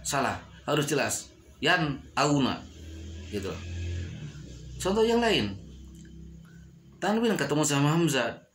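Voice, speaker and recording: In a tajwid lesson, a man teaches the rules of Quran recitation, demonstrating each example word slowly, drawing it out and repeating it. His slightly high voice has big pitch swings, with a little hiss or hum.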